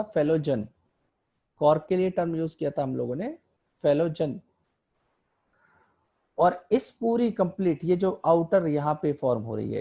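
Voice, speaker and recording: A man's voice: on the high side, gravelly, dark tone, highs cut off. A man teaching a biology lesson over a diagram, asking his students questions and answering them himself, with English terms mixed into his Hindi. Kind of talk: online lecture explaining a diagram.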